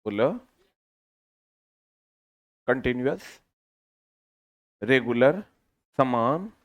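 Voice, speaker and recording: A man teaching a physics lesson, lively and constantly quizzing his students with repeated questions. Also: mid-range voice, drawn-out words, dry recording, dull audio.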